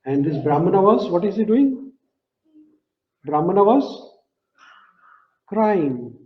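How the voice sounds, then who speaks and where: Gujarati-native guy giving a devotional talk, fairly high voice, slow and repetitive, echoey dull room sound. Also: sing-song. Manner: slow, repeats phrases, asks the audience questions. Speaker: satsang speaker. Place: community hall.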